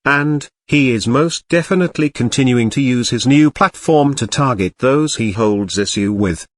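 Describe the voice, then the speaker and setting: A man's voice: mid-range voice, normal speed, no echo, close to an everyday voice. Robot cat narrator, male, a man doing it, formal and snide, dry studio sound. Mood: snarky. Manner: formal, archaic wording with dry sarcasm. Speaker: commentary narrator. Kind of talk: scripted drama-news commentary.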